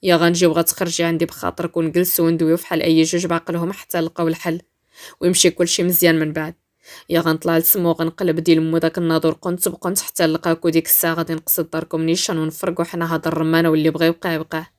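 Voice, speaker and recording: A woman's voice: deep voice, racing, voice pushed down, lightly acted. A woman doing a heated young man with a Moroccan accent. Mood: threatening. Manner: shouting in anger, then steady and insistent. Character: angry young man, forceful and protective. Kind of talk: storytelling voice-acting.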